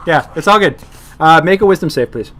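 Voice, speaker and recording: Higher-voiced man as game master. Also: animated, fairly quick, a bit bright, slight background noise. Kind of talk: running a tabletop role-playing game.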